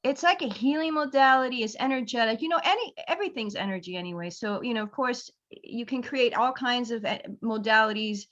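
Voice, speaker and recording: A woman's voice: on the high side, brisk. A woman talking as a guest in a casual conversation, rambling, laughing and acting out quotes with energy. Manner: rambling, laughing, animated quoting. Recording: slightly dull lo-fi audio.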